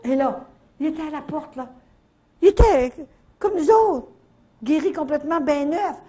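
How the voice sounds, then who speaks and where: An older woman with a Canadian French accent telling a faith testimony at a retreat, in a lively storytelling manner full of little verbal tags. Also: sits high, normal speed. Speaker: retreat speaker.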